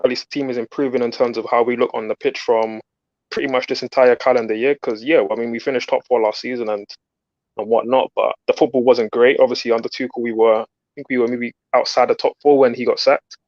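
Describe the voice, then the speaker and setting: A man's voice: mid-range voice, flat delivery, fast talker, no room sound. Man in dry, slightly dull-sounding football chat. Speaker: panellist on a football fan show. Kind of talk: casual football analysis.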